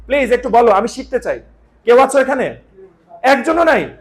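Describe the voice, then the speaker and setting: A male English teacher with a Bangladeshi Bengali accent, talking in a lively, teasing way to a college classroom and calling on students by name. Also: extremely high pitch, normal speed, poor audio.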